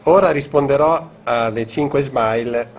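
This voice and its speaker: A man's voice: medium pitch, a little slow. Aphoristic comic man, faint noise.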